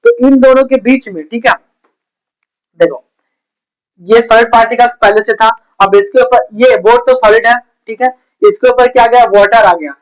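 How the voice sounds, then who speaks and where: A man's voice: very high-pitched, moderate pace, poor audio. Man teaching in a quizzing manner. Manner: repeats "thik hai" and quizzes the viewer with questions. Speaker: pharmacy tutor. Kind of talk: casual explainer lesson.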